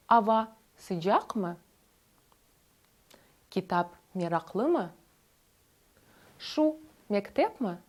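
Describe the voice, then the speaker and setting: A woman's voice: mid-range voice, darkish tone. Woman narrating a scripted language lesson. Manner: clear, explanatory, slows down to model example phrases. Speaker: language teacher.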